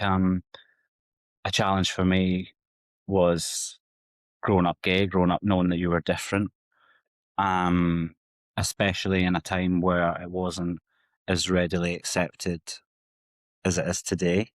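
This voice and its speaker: Low, flat-voiced Scottish man. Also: slow, pauses often, dry recording. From Scotland. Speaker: psychotherapist guest. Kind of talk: candid personal interview.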